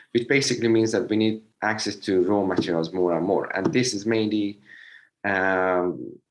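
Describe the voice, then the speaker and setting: A man with a slightly hoarse voice giving an academic presentation over a video call, hesitant with many fillers. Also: low voice. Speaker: associate professor giving a webinar talk.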